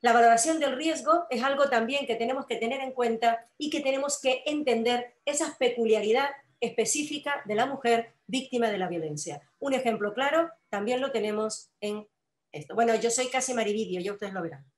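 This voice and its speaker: A woman gives a conference talk and explains her points deliberately. Her voice sits fairly high. The sound carries a roomy lecture-hall echo.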